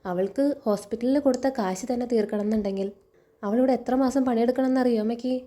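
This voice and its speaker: A woman's voice: on the high side, fast talker, warm tone, lightly acted. A woman reading the lines of a domineering, wealthy middle-aged lady of the house in a scornful, scolding way.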